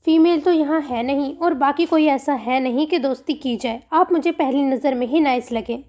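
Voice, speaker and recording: Cheeky young woman prankster, playful mock-innocent tone, high voice, read by a woman. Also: normal speed, a little mellow, dull audio, natural voice. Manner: teasing and sweetly innocent-sounding.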